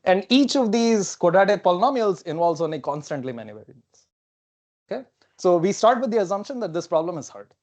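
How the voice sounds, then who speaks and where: High-pitched and sing-song, with a slightly mellow quality, the young man speaks a little fast. He's a non-native English speaker giving a technical talk at a lecture hall whiteboard, casual and musing aloud with lots of okays and fillers. He's wearing a clip-on lapel mic.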